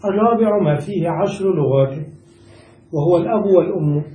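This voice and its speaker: A man teaches a classical grammar lesson, walking through each rule and putting questions to his students. His voice is dark and mellow, set a bit high for a man. It is caught from some distance in a roomy, echoing space. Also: expressive, brisk. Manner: explains step by step, quizzes students. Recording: echoey room, voice far from mic.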